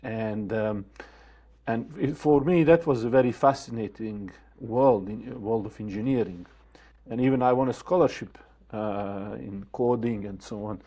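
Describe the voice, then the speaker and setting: A guest from Bosnia works through interview questions in a reflective, stop-start manner full of fillers and false starts. He has a fairly low, warm voice.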